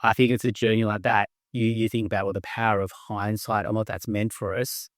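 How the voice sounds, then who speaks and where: An enthusiastic man in his thirties chatting on a podcast, talking freely with fillers and restarts. His voice sits fairly low. The sound is dry and close. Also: little pitch movement, brisk, no room sound. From Australia. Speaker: podcast host, company co-founder. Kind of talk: casual podcast chat.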